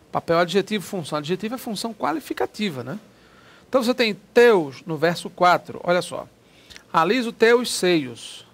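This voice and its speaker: A man's voice: sits high, a bit bright. A man teaching a grammar lesson for an exam, explaining step by step and asking himself rhetorical questions.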